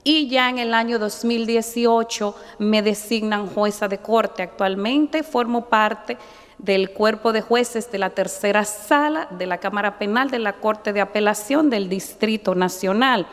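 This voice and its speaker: Testifying at a formal hearing, a middle-aged woman who is a judge and candidate speaks in a measured, formal way, a little nervous and adding devout asides. Her mid-range voice is a little slow, and the large chamber gives a long reverb.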